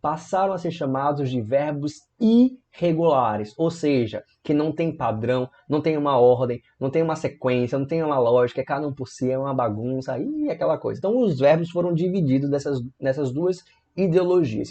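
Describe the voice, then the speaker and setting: A man's voice: fairly high pitch, fairly quick. A man from Brazil teaching a grammar video lesson, explaining playfully and asking his viewers questions as he goes. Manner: lively, playful storytelling with rhetorical questions. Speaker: English teacher.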